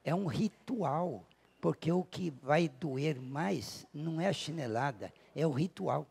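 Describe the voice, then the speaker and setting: A man with a Brazilian accent giving a spiritual lecture, telling a personal story, acting out the dialogue and slowing down to stress key words. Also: on the high side, animated, gravelly, husky. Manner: storytelling, acting out dialogue with big shifts in loudness. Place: lecture hall at a spiritist center.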